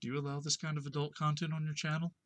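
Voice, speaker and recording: Bright-voiced man in casual gaming banter. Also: fairly high pitch, monotone, rapid-fire. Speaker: co-player on a gaming show.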